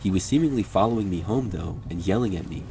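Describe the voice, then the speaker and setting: A man reading first-person horror stories as a steady, measured scripted narration. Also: deep voice, noisy background.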